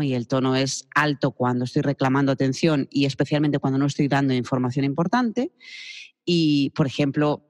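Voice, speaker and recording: A man explaining how to use the voice, as a speaking coach in a radio interview, demonstrating pace and pitch changes as he talks. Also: no echo, studio quality, big-room sound.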